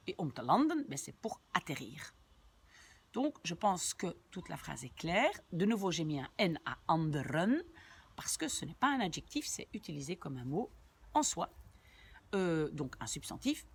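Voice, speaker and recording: Slow, patient woman teaching Dutch. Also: low-pitched, vocal fry, husky. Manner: patient, repeats and translates word by word; chatty asides to viewers. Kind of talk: language lesson explaining a sentence.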